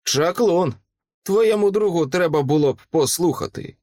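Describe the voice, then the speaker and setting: A man's voice: a little high, lively intonation, moderate pace, a little mellow, pitched above the performer's own voice, natural voice. A man voicing a cruel, gloating monster that gives menacing commands.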